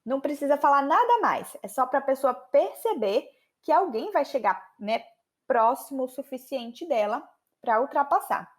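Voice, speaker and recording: A Brazilian woman hosting a podcast English lesson, lively and chatty, slowing down to repeat phrases for practice. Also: sits high. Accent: Brazilian Portuguese. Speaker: podcast host and English teacher.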